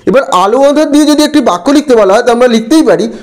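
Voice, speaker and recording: A man, a teacher slowly going through textbook answers and spelling out words syllable by syllable. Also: very high voice, animated, a little mellow.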